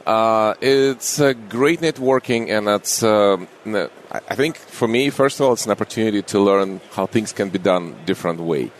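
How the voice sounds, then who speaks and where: A man talks in an easy, unhurried manner. He is a middle-aged doctor being interviewed and sounds friendly. A faint hiss of noise sits under his voice. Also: fairly low pitch. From Russia. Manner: unhurried, friendly, with small grammar slips. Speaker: anesthesiologist guest. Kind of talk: casual interview conversation.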